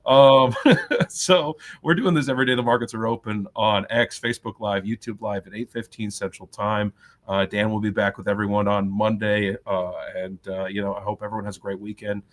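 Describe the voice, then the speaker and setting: A man's voice: on the low side, steady tone, normal speed. A man hosting a markets livestream, wrapping up loosely with lots of fillers. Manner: laughing, filler-heavy talk. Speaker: show host. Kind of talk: casual livestream sign-off.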